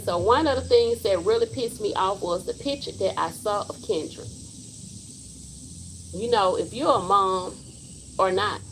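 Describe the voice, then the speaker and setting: A woman's voice: lowish voice, a little hiss or hum, rough recording. A woman in her forties, hosting a casual livestream and speaking her mind bluntly and emphatically. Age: 40s. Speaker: livestream host.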